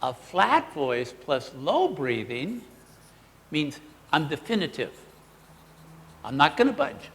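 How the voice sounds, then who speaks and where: A man with a fairly high voice presents a live workshop in a large hall, speaking slowly with long pauses. He teaches animatedly and acts out voice examples himself for the audience.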